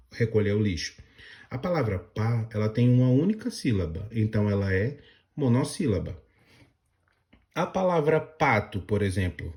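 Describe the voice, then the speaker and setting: A Brazilian man teaching young children, patiently walking through each task step by step and slowing down to sound out words. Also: on the low side, mellow. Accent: Brazilian Portuguese. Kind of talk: explaining class activities to young children.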